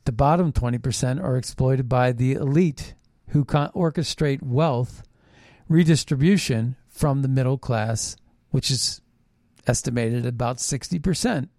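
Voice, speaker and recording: A man's voice: medium pitch, a little slow, a little mellow, no echo, studio quality. A man hosting a political talk show, delivering an emphatic, conspiratorial rant as a monologue and repeating phrases for stress. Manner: conspiratorial ranting. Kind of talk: political monologue, reading out own written posts with commentary.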